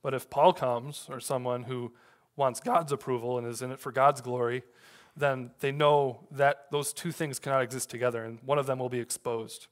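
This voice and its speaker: A man's voice: mid-range voice, steady tone, normal speed. A man preaching a sermon in a loose, conversational way, with many fillers and restarts as he tells a personal story. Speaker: pastor.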